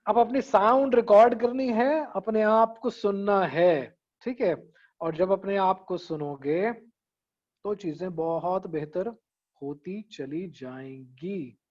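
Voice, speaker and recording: Speaking slowly in a high-pitched, slightly mellow voice, a man gives an online public speaking lecture over a lo-fi video call. He keeps things conversational, uses English phrases, and often checks in with his students by saying "theek hai."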